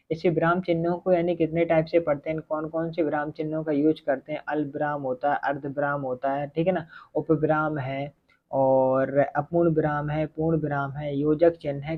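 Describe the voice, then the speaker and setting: A man teaching a Hindi grammar lesson for exam preparation, often asking questions and answering them himself, and slowing down to dictate as he writes. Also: fairly high pitch. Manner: repetitive questioning, answers his own questions; slow dictation while writing. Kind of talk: online exam-prep lesson. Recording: tinny phone-like audio.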